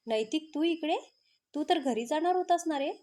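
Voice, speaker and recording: A spirited young female student speaks her mind openly, as a woman storyteller reads her lines. The voice sits high and lively. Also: moderate pace.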